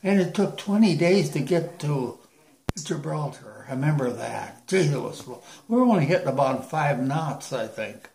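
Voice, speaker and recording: An elderly man, a grandfather, casually reminiscing in a rambling, halting way, often repeating himself as he recalls things. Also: fairly high pitch, lively intonation, gravelly, darkish tone. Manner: old man's rambling, halting, repetitive recollection. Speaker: grandfather recalling merchant marine days. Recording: echoey room, home recording.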